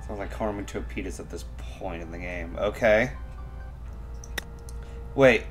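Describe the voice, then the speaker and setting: A man playing a video game and commenting casually, excitable and full of profane mock-aggressive trash talk. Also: deep voice, measured pace. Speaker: player and streamer. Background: video game music.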